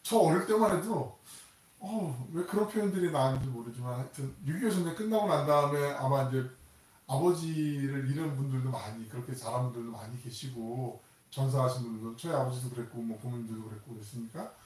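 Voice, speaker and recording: Preaching briskly from a church sanctuary, this older pastor from South Korea gives a lively, theatrical Sunday sermon. Quoted prayers and taunts get performed with mounting pitch and intensity, heard from afar in a reverberant hall.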